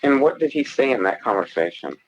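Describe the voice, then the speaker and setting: A man detective calmly questioning a witness and repeating the answers back. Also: medium pitch, a little fast. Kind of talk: police interview. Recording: dull lo-fi interview footage.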